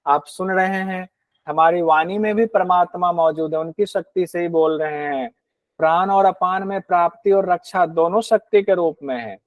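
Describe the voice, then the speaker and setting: In a high voice with no echo, a man explains scriptural verses during a Hindi lecture, raising questions only to answer them himself. He mimics rude, begrudging hosts through quoted asides.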